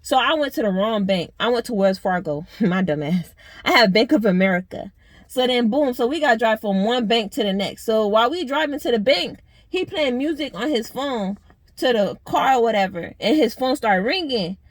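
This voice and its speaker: A young woman vlogger telling a story in a blunt, animated, profane way. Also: fairly high pitch, normal speed, no room sound. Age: young adult. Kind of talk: casual storytime vlog.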